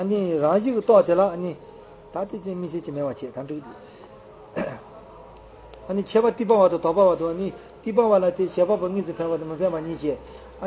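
A man's voice: high-pitched, slight background noise. A man in casual chat, rambling and repetitive, full of fillers, on a dull lo-fi recording.

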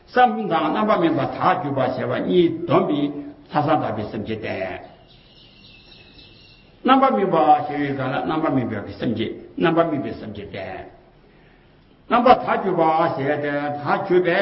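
Rambling man in a roomy, dull recording. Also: mid-range voice. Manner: rambling and repetitive, often circling back to the same phrases; colloquial, with frequent fillers and rhetorical questions. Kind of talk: casual rambling talk.

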